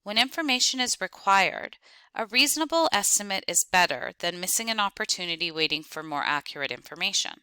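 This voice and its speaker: A woman lecturing on accounting, reading out terms, definitions and lists in clipped, deliberate steps. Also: medium pitch, expressive, bright, forceful tone, smooth, dry recording. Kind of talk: reading lecture slides aloud.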